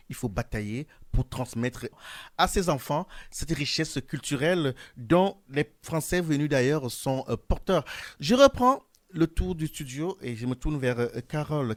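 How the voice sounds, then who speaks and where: A man hosting a radio talk show in a studio, asking his guests long, formal questions in a measured way. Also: mid-range voice, no room sound. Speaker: radio host.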